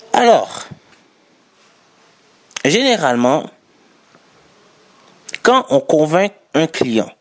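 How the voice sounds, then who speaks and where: A man's voice: high-pitched, no echo, studio quality. A man with a Québécois accent giving casual spoken business advice to viewers, chatty and correcting his own wording as he goes. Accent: Québécois French. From Quebec.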